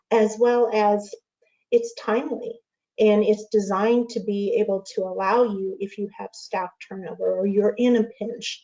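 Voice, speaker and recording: Woman consultant, warm dark tone, earnest and searching, slightly dull audio. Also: medium pitch. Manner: earnest, searching for words with restarts. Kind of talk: panel discussion.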